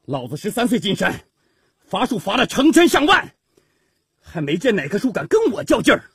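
A male storyteller voicing a bold, boastful young lumberjack who shouts and brags loudly. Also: high voice, very animated, a little fast, vocal fry, breathy edge, no echo, clean studio sound, voice pushed up, heavily acted. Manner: loud swaggering boasts and work shouts.

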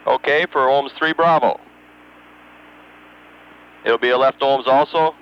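A man acting as mission control communicator over radio, methodically reading procedural figures digit by digit with pauses. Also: medium pitch, smooth. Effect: radio transmission. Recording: dull, band-limited mission radio channel.

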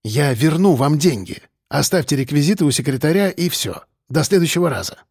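A man's voice: on the high side, expressive, a little fast, darkish tone, husky, dry recording, studio quality. A man reading an audiobook, voicing a nervous, irritable aging professor who talks hesitantly and defensively.

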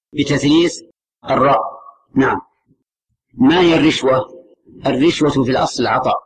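A male scholar giving a religious lesson, measured and repetitive, putting questions to his class. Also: medium pitch, a little hiss or hum, rough recording. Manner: measured, repeats key terms, asks the class questions. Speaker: Islamic scholar teaching a class.

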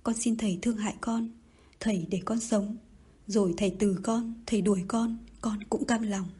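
A woman's voice: medium pitch, fairly even intonation, moderate pace, warm tone, slightly rough. A woman voicing a desperate pleading girl. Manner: pleading, begging. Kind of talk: audiobook reading.

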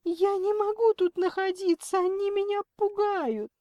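A woman's voice: very high voice, steady tone, a little slow, warm tone, dry recording, studio quality, voice pushed up. A woman voicing a tearful, nasal young woman held captive, pleading shrilly down a phone line. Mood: sobbing. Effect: heard over a phone.

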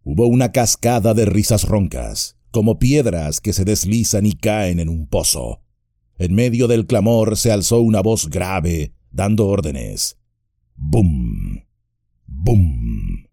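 A man reads an audiobook aloud in a low, mellow voice. His intonation rises and falls freely, lending drama to each scene. The recording is dry and close to the mic. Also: no echo. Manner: expressive, dramatic reading. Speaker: audiobook narrator. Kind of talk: scripted narration.

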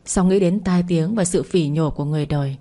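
A woman narrating a dramatic story in a steady storytelling voice. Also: on the low side, a little fast.

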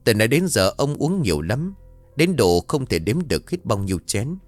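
A man narrating a ghost story in a dramatic, expressive way. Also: medium pitch, moderate pace, no echo. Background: faint music.

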